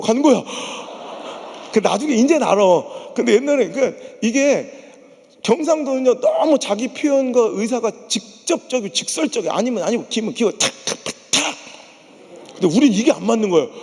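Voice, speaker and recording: A man's voice: extremely high pitch, long reverb tail. A man from the region preaching a revival sermon in a church, telling stories with jokes and voicing the people in them. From Chungcheong region, Korea. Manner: animated, joking storytelling with impersonations. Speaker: pastor. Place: large church sanctuary.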